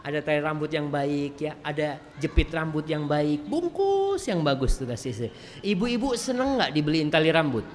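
Guy preaching in a big mosque, pitch jumps all over, bit high, long echo off the hall walls. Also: normal speed. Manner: lively, swings loud and soft, acts out wives and husbands; banters with the congregation. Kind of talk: mosque lecture. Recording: mosque hall reverb, faint room noise.

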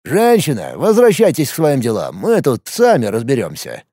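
A man voicing a weary middle-aged security guard in an audiobook, speaking slowly and formally. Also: mid-range voice, huge pitch swings, mellow, breathy edge, dry recording, studio quality, heavily acted. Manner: tired, slow, formal. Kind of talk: audiobook character voice.

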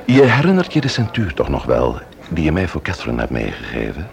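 In a Dutch radio play, a male actor with a bass voice portrays a shrewd, courteous police investigator. He speaks deliberately in an explaining mood, questioning with emphasis, and his heavily acted delivery is creaky with huge pitch swings.

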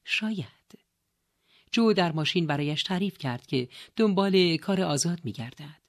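Woman narrating an audiobook, lower voice. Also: lively intonation. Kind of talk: scripted narration.

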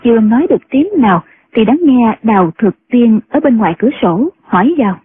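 A woman narrating a martial-arts novel as an audiobook in a steady storytelling manner. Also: on the high side, brisk, faint music behind. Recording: tinny phone-like sound.

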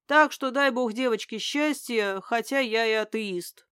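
A woman voicing a blunt, gruff older man. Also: on the high side, fairly bright tone, no echo, clean studio sound. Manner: emphatic, outspoken, quick to flare up.

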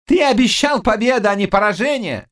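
A male narrator voicing a furious Tatar warlord with a hoarse, high, snarling voice in an audiobook. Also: animated, a little fast. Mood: raging. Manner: snarling, high-pitched shouting.

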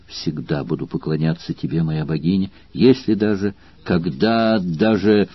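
A man with a husky voice reading the lines of a devoted, tormented gladiator in an audiobook, earnest and trembling with emotion. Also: low-pitched, measured pace, no echo, lo-fi sound.

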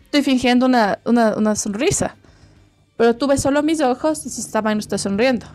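A woman's voice: on the high side, brisk, a little mellow, faint music behind. A woman co-hosting a podcast, chatting casually over a video call and rambling with many restarts. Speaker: podcast co-host. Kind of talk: casual chat.

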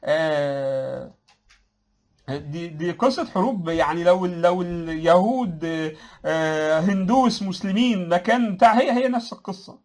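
A man's voice: sits high, normal speed, darkish tone. A man with an Egyptian Arabic accent gives casual political commentary, answering viewers with sarcasm, laughing at his own points and restarting his phrases often.

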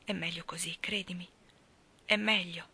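Lady reading as a sick gentle girl of nineteen, soft breathy half-whisper, bright tone. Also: medium pitch, a little slow, exaggerated voice. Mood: gentle, resigned. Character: frail gentle young woman, ill and resigned.

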